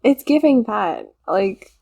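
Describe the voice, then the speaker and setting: Mellow-voiced woman giving a chatty tarot reading. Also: mid-range voice, sing-song, slow, creaky, highs cut off. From Poland. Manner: chatty and rambling, laughs often, repeats herself. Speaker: tarot reader. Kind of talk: casual channeled tarot reading.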